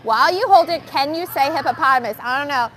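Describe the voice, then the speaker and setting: A young woman coaching kids in a gymnastics gym, explaining stations calmly to viewers and calling out loudly to the girls. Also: high voice, fast, faint music behind. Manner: upbeat, switches between calm explaining and loud calls to the kids. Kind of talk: live coaching demo addressing kids and viewers. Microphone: wearing the microphone.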